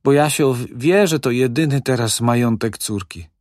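Man doing a fretful old lady in an audiobook, pleading and soft, voice pushed way up. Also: mid-range voice, normal speed, no echo, clean studio sound, voice pushed up, natural voice. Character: anxious, fretful old woman, a doctor's widow.

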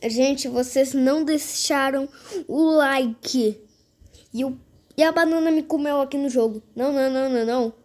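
High-voiced female game streamer. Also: moderate pace, darkish tone. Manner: repetitive, addresses viewers directly. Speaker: gaming video host. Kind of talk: casual game commentary.

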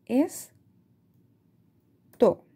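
A woman teacher with a Chilean Spanish accent, explaining a reading lesson to parents in a slow, patient way, stretching out words and checking in with "¿ya?". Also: dark tone. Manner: asks "¿ya?" often.

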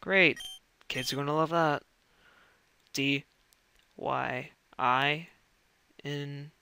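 A young man commenting on a game as he plays, reacting out loud and talking to himself, his voice cracking now and then. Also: a little high, flat delivery, very slow, gravelly, clean tone. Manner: reacts loudly and talks to himself while playing. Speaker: let's play gamer. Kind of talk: gameplay commentary.

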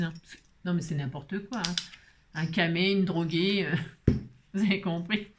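A woman chatting casually while opening her mail, exclaiming at each item and now and then dropping into high baby talk to her pet. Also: a little hiss or hum. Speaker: craft vlogger opening mail. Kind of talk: casual chat unboxing mail. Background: paper crinkling and clicks.

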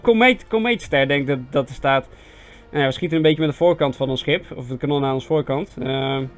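A young Dutch man giving casual, self-mocking commentary on a strategy game, chatty with sudden excited yelps. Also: fairly high pitch. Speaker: gaming video host. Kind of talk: casual let's-play commentary. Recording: faint game music behind voice.

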